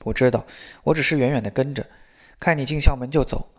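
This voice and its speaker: A man reading as a gentle, caring young man. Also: mid-range voice, fast talker, natural voice. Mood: reassuring. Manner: soft, reassuring.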